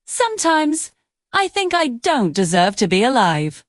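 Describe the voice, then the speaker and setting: A woman voicing a grieving middle-aged father who speaks hesitantly and quietly. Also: high-pitched, very animated, measured pace, no echo, studio quality. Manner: hesitant, subdued.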